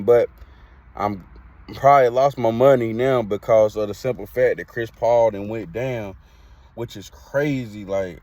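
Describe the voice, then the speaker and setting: A man's voice: fairly low pitch, a little mellow. A man from North Carolina, hosting a podcast and giving blunt, slangy basketball takes, often repeating himself for emphasis. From Greensboro, North Carolina. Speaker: podcast host. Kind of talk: casual sports talk.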